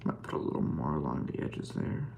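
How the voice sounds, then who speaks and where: Over lo-fi audio with background noise, a man speaks briskly as he casually walks through repairing a scale model. This hobby vlog commentary rambles, full of fillers and jokes at his own expense.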